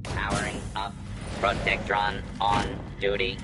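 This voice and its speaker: A calm robot guard. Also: male voice, lowish voice, loud music behind the voice. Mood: calm, dutiful. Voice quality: flat, measured robotic delivery. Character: calm male security robot on duty. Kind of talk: video game character lines.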